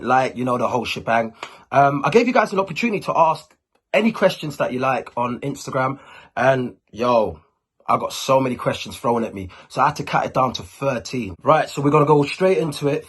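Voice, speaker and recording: Born and raised in Germany to Ghanaian roots, this YouTube host responds to questions on camera in relaxed, slangy street talk. His voice is medium in pitch, fairly bright and slightly rough, with lively intonation at a moderate pace.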